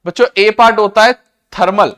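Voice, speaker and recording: A man teaching a class, repeating key terms, slowing down to dictate definitions and quizzing students on what was just said. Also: high-pitched, fairly bright tone, smooth. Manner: slows to a dictation pace for English definitions; addresses students as children. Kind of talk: classroom lecture.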